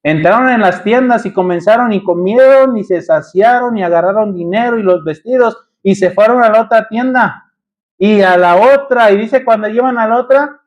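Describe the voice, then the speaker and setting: High-voiced Mexican pastor preaching. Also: male voice, normal speed, lo-fi sound. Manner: preaching with rhetorical questions, calling the congregation brothers. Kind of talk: sermon. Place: church.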